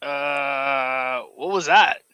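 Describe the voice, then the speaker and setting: A man's voice: mid-range voice, very slow, pushed and bright, clean tone, no room sound. A man playing a tabletop game with casual, joking table talk.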